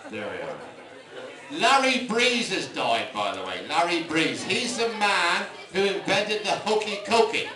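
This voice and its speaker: This older comedian speaks in a high voice with wide pitch swings, taking his time over dry one-liners and meandering asides. Audience laughter fills an echoey club, picked up by a distant mic amid the loud crowd.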